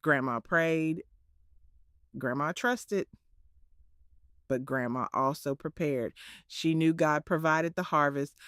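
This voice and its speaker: A woman's voice: very deep voice, a bit bright, clean tone, dry recording, studio quality. A woman with a Southern US accent narrating in a homespun, preachy storytelling manner, as if passing on cooking wisdom from a script. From southern United States.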